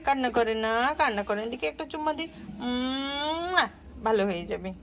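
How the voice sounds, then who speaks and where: A woman voicing a gentle aunt who coaxes and soothes a small child in doll play. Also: sits high, normal speed, a little hiss or hum. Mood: soothing. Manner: soothing, coaxing, soft-spoken.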